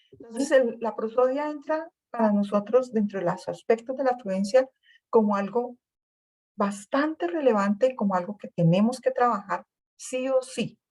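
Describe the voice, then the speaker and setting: A woman's voice: mid-range voice, darkish tone, rough recording. Woman lecturing on speech therapy. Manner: explanatory, repeats words while searching, asks "¿sí?". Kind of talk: classroom lecture.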